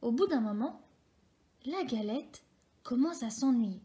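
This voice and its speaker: A woman reading a children's story aloud in a lively, expressive way. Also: fairly high pitch, a little slow.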